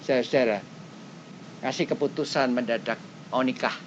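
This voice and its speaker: A woman preaching a sermon in plain everyday talk, often turning straight to her listeners and swinging between loud high exclamations and quiet low asides. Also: normal speed. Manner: speaks in plain everyday phrasing, often addressing listeners directly. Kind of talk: colloquial sermon to a congregation. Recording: dull lo-fi cassette with faint rumble.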